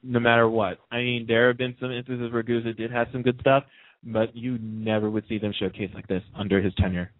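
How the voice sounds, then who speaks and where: A man phones in to a radio show as an opinionated soap opera fan, chatting casually but emphatically and repeating phrases to press his points. His mid-range voice is fairly quick with little pitch movement and no echo, heard through a muffled, band-limited phone line.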